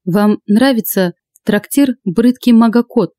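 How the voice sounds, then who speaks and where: A woman's voice: fairly high pitch, measured pace, dark tone, dry recording, lightly acted. Brief: woman reading a stiffly polite, eager young male cop in a storybook, dry close sound. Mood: hopeful. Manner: formal, polite. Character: young man, earnest eager policeman.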